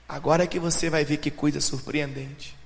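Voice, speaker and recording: A man preaching a sermon as pastor, dramatic, moving between shouted lines and low, intense speech. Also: little pitch movement, brisk, creaky. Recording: long hall reverb with faint music.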